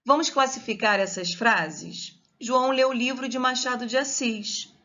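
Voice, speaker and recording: A woman's voice: on the high side, a little slow, pushed and bright, highs cut off. A woman teacher with a Brazilian Portuguese accent giving a grammar lesson and explaining step by step. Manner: explains step by step, checks with students.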